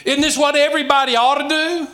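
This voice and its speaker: Speaking fast in a very high-pitched, bright and forceful voice with fairly even intonation, this man from the Southern United States is a pastor in his sixties. He delivers an emphatic sermon peppered with rhetorical questions and homespun asides.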